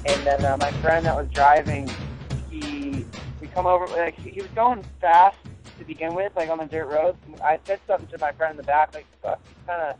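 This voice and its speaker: A man's voice: on the high side, fairly even intonation, brisk, a little mellow, soft background music. A man in his twenties telling a story in a loose, rambling way, full of fillers, heard over the phone. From Virginia, USA. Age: 20s. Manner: loose, rambling, many fillers like "like" and "you know". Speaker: interviewee, professional surfer. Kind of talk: casual storytelling interview. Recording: tinny phone line.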